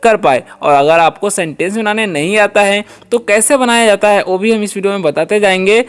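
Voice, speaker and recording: This man's voice sits high and clean, and he speaks fairly quickly while leading a spoken English class for beginners. He explains each word in turn, asks himself questions and supplies the answers, frequently tossing in "ठीक है".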